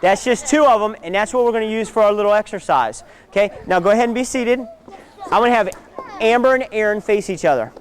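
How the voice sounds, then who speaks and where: A man's voice: sits high, fairly quick. A man teaching a self-defense class, giving direct instructions and often checking in with "okay?".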